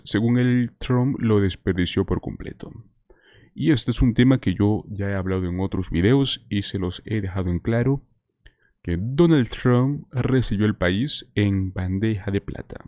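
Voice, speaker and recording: A man's voice: lowish voice, moderate pace, warm tone, no echo, clean studio sound. A man in his thirties giving conversational online news commentary to viewers, full of rhetorical questions. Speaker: political commentator. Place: small indoor streaming setup. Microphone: close desk microphone with headphones.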